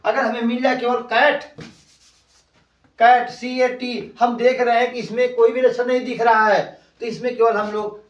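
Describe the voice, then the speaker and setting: A man teaching an English grammar lesson, explaining slowly and spelling words out letter by letter. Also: very high-pitched, flat delivery, highs cut off. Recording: echoey room, voice from a distance.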